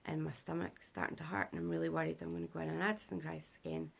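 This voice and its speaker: Sick and short on sleep, a young British vlogger rattles off a rapid-fire, filler-laden health update to camera. Her low, deep voice is level in tone but heavily gravelly and rough from illness, and she sounds exhausted as she rambles.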